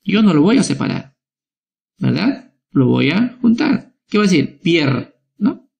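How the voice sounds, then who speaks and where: A man's voice: on the high side, sing-song, a little slow, gravelly, darkish tone. A male schoolteacher giving a lesson to young children, spelling out words syllable by syllable and checking in with short tag questions.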